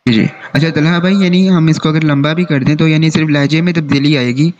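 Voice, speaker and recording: Student guy asking polite questions on a call, slightly high voice, muffled sound. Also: steady tone, darkish tone. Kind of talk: asking questions in an online class.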